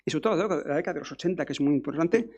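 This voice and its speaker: A man's voice: fairly high pitch, expressive, rapid-fire, a little mellow, husky. A middle-aged man giving a conference lecture, talking in a discursive way with frequent restarts and tag questions. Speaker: academic speaker.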